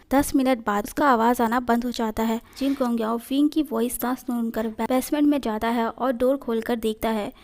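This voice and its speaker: A woman reads a fan fiction story aloud at an even, steady pace. Her voice sits fairly high, with a dark, mellow tone.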